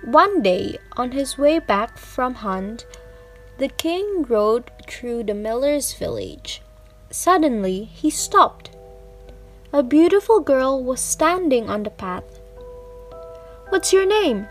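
A woman's voice: high voice, sing-song, slow pace, faint music behind. A woman hosting a children's podcast, carefully reading a storybook and explaining words aloud.

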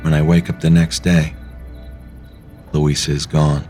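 A man narrating a first-person story in a low, hushed, intimate reading. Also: flat delivery, a little slow. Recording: faint music behind.

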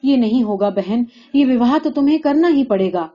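A woman's voice: a little high, lively intonation. A woman voicing an anxious middle-aged village mother who pleads insistently in a storybook reading. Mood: pleading. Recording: dull lo-fi recording.

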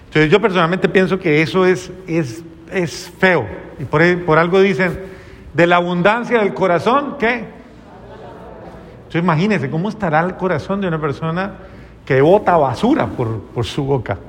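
A man's voice: sits high, moderate pace, big-room sound. A man, a priest, delivering an earnest, moralizing sermon full of rhetorical questions.

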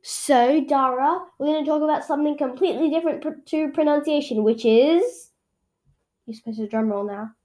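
High-voiced female podcast host, chatty and rambling, casual home setup. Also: fairly quick, a little mellow. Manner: rambling, chatty, with frequent self-corrections. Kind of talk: casual solo podcast chat. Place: home room.

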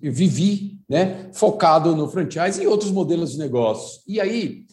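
A fifty-year-old man from Brazil speaks as a podcast guest with a somewhat high yet dark, mellow voice. He explains patiently and didactically, circling back with fillers and restarts. His voice carries a noticeable room echo. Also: animated, a little slow. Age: 50s. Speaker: consultant guest. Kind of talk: podcast interview. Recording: roomy echo.

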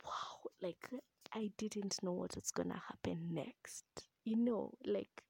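Slow, husky whispering woman. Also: medium pitch, warm tone, dry recording. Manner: casual, chatty whisper with swearing and asides. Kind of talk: whispered ASMR book retelling.

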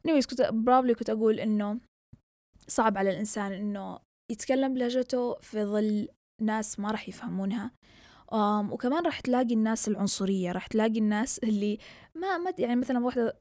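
Recorded in a clean studio with no echo, this podcast host has a fairly high yet dark-toned voice. She's a young woman from southern Yemen doing a laid-back solo show, chatting and rambling in a Yemeni–Saudi Gulf Arabic accent as she code-switches between Arabic and English.

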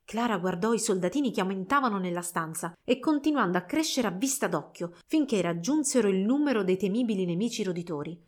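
A woman narrating a fairy tale for children in a slow, measured storytelling voice. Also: medium pitch, animated.

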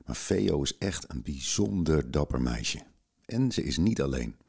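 A male podcast host reading a children's book aloud and summarizing its story in a calm, measured way. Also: a bass voice, gravelly, husky.

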